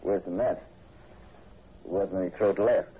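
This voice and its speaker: A husky, low-sitting male voice with a steady tone and measured pace plays a doubtful state police sergeant in a 1940s horror radio drama. His delivery is folksy and plain-spoken, heard through a muffled, hissy old recording.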